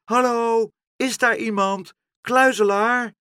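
A man's voice: a little high, sing-song, brisk, no echo, clean studio sound. A man reading a storybook, voicing an earnest, brave little boy.

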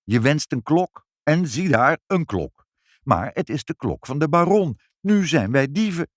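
A man's voice: on the high side, sing-song, unhurried, dry recording, clean studio sound, pitched above the performer's own voice. A man voicing a gloomy, dramatic father in a children's story.

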